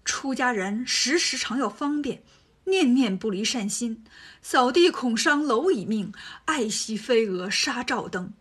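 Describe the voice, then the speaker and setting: A woman doing a soft-spoken preachy monk. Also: a little high, expressive, a little slow, breathy edge. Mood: gently lecturing. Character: timid pious male monk, gentle and preachy.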